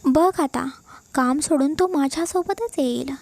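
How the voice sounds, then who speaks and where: A woman's voice: high-pitched, measured pace, gravelly, darkish tone. A woman voicing a spoiled, overconfident young woman who boasts. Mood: boastful. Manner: boastful, self-assured.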